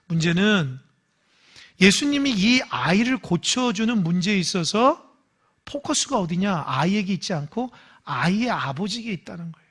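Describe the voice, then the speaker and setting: A male pastor giving a Sunday morning sermon, emphatic, swinging between loud calls and hushed asides and acting out voices in dialogue. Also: sits high. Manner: acts out quoted voices in dialogue.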